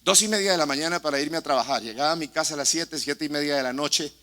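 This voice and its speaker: A man's voice: on the high side, fast, pushed and bright. A male pastor preaching a sermon in a church sanctuary, impassioned and putting questions straight to the congregation.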